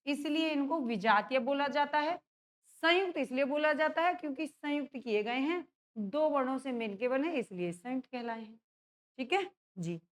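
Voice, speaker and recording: Woman teacher, high voice, exam-prep lesson; keeps asking the class and answering herself. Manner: checks in with students often, asks and answers own questions.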